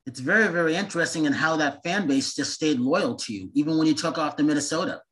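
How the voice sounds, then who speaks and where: A man's voice: fairly high pitch, lively intonation, quick pace, fairly bright tone, rough recording. Upbeat male interview host. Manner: upbeat, repeats his questions. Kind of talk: interview hosting over video call. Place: waiting room.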